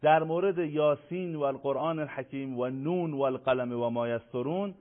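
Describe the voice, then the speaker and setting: A man teaching Quran recitation rules on a broadcast, drawing out example words in slow sung demonstrations. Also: medium pitch. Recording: narrow phone-like broadcast audio.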